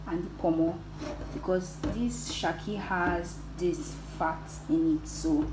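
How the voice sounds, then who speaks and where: A woman, explaining each step as she cooks in her home kitchen, recorded on a phone. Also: lowish voice. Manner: plain step-by-step, addresses viewers as "guys". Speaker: cooking vlogger. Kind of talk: casual cooking walkthrough. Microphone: phone camera. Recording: echoey kitchen with loud background noise.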